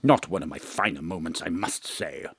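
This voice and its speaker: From a home studio with no echo, an actor performs live remote audio drama as a pompous, melodramatic veteran stage actor, swinging between booming declamation and hushed confession. His exaggerated voice is creaky and husky, at normal speed.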